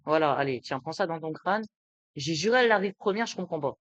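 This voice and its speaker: A young man giving live gameplay commentary, excitable and full of street slang, swinging between muttering to himself and yelling. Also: a little high, fast. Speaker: gaming streamer.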